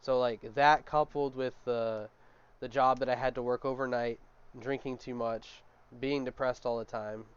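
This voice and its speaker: Young man, podcast host, rambling casual storyteller, smooth clear voice, dull lo-fi sound. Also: mid-range voice, steady tone, normal speed. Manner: rambling storyteller, many fillers like "like" and "dude". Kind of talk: casual chat. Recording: muffled lo-fi mic.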